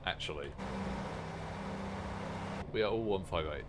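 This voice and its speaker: In a deep, slightly slow voice, a game streamer offers casual live commentary on a train game. He addresses viewers directly, swears, and jokes at his own expense. Heavy background noise fills the recording.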